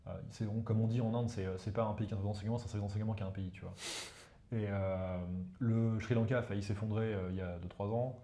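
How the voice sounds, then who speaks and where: This guest professor, a Hindi speaker from India's Ganges plain, explains rapidly in French with a relaxed style, often adding "you see." His lowish voice is mellow, a bit dark and steady in tone, and the audio carries a clear roomy echo.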